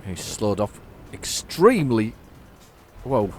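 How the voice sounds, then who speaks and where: This man, a gaming channel host, talks slowly in a fairly low voice with big pitch swings. His gameplay commentary is casual, chatty and rambling, full of self-corrections, and there's slight background noise.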